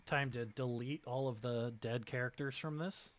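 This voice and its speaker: A man's voice: medium pitch, steady tone, moderate pace. A man talking casually as a streaming game master, in a rambling, joking manner.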